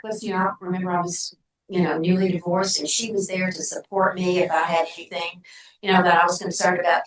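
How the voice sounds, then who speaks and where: An older woman telling a personal story to a gathering in a candid, conversational way, pausing for effect. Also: fairly low pitch, low-quality recording.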